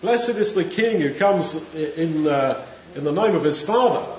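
Preacher man, high and echoey. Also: lively intonation, moderate pace. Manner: conversational, acts out crowd voices. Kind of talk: sermon. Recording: echoey room, dull sound, faint noise.

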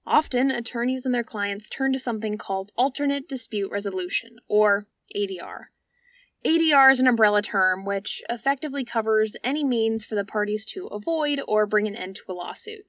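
A woman's voice: medium pitch, fairly quick, fairly bright tone, no echo. Dry-sounding young woman narrating a podcast. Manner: conversational, lightly informal. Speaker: podcast host. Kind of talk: scripted explanatory podcast narration. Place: small clothes closet at home, indoors. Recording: close, dry home closet recording, slightly distant.

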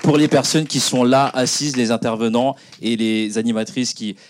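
A man's voice: medium pitch, steady tone, moderate pace, noisy background. A man in the audience giving emotional, effusive thanks to a panel. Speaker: audience member.

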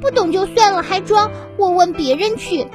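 A woman's voice: very high-pitched, normal speed, over music, pitched above the performer's own voice. A woman doing a cross little first-grade girl. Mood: indignant. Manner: whiny, stamping, indignant.

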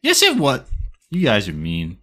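A man's voice: medium pitch, wildly swooping pitch, unhurried, pushed and bright, husky. A young man co-hosting a casual podcast chat, rambling with hesitant restarts. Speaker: podcast co-host.

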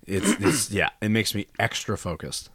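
A podcast host chats casually in a rambling, crude way, swearing a lot, while recording indoors on a studio mic he monitors himself. His lowish, husky voice is very animated and fairly bright, at a moderate pace, with studio-quality sound and no echo.

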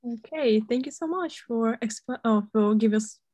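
A woman interviewing two chairs, halting and searching for words. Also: a little high, mellow, dry recording. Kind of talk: casual interview hosting.

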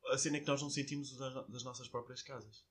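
A man's voice: mid-range voice, fairly even intonation, fast talker, breathy edge. A man with a northern Portuguese accent in casual banter, repeating words as he thinks aloud. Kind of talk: casual banter between friends.

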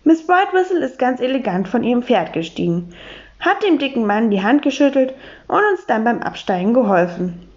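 A woman reading a children's storybook aloud, telling it lively in the first person as a boy. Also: on the high side, normal speed. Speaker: audiobook reader. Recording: dull lo-fi recording.

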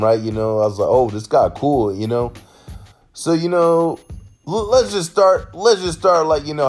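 A man's voice: mid-range voice, darkish tone. A young man, hosting a podcast and telling a funny college story in a rambling, slangy way, repeating himself often. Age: young adult. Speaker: podcast host. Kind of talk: casual storytelling monologue.

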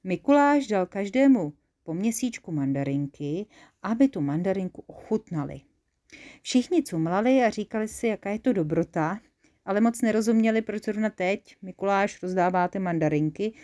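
Female children's storyteller, lively and playful, middling pitch.

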